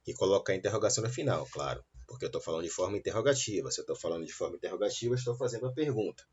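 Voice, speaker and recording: A man teaching an English lesson, saying model sentences slowly and clearly between quicker explanations. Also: mid-range voice, darkish tone. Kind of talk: online English lesson for Portuguese speakers. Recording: dull, lo-fi sound.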